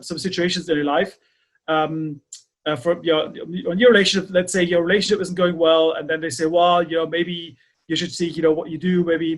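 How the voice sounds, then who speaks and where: Halting, word-searching male podcast host. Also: fairly high pitch. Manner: halting, repeats words while searching for phrasing. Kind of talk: reflective conversation.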